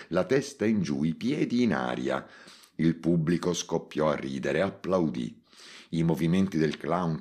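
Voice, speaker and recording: A man reading a short story aloud in a measured, dramatic way. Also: rumbling low, darkish tone, breathy edge. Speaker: audiobook reader. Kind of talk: scripted narration.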